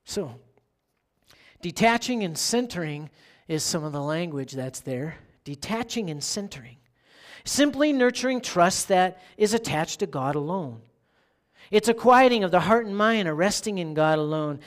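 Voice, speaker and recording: Pastor giving a relaxed, chatty sermon, checks in with the congregation, asks questions. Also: medium pitch, moderate pace. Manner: conversational, keeps asking "right?".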